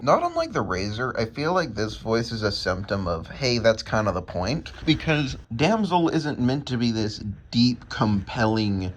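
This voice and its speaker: A man's voice: medium pitch, sing-song, a little slow, hardly any pauses, soft background music. A man hosting a video, giving casual scripted ranking commentary. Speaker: video host.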